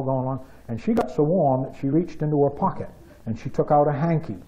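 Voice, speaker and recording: A man, telling a folksy story in a dry, drawling way. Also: a little high. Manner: dry, drawling yarn-spinner. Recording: dull lo-fi radio audio.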